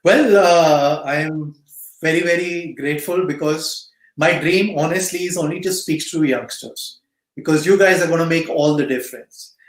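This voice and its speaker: A man's voice: on the high side, moderate pace. A middle-aged man with an Indian accent, speaking earnestly as an interview guest and repeating phrases for emphasis. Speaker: guest speaker, cancer patient support volunteer. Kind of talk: earnest interview answers and motivational advice to youth. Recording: roomy, echoing sound.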